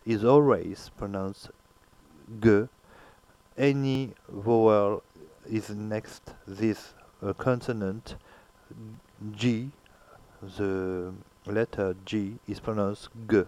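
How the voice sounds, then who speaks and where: A man teaching pronunciation very slowly, in a fairly low voice. He repeats example words and pauses often between them. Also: fairly even intonation, a little mellow. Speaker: language teacher. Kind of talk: pronunciation lesson.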